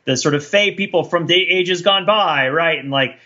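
A middle-aged man co-hosts a podcast, rambling animatedly and self-reflectively about pop culture. His voice is on the high side, he speaks at a normal speed, and the audio is lo-fi.

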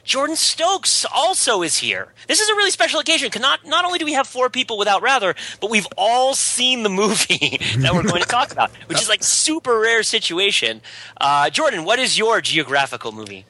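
Bright, lively man hosting a podcast. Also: high-pitched, no echo. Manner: playful, quick with jokes, laughs often. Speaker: podcast host. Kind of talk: casual podcast panel chat.

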